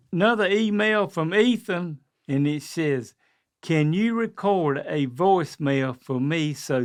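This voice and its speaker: An older man with a folksy Southern US drawl, chatting casually as a podcast co-host. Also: on the high side. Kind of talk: casual chat.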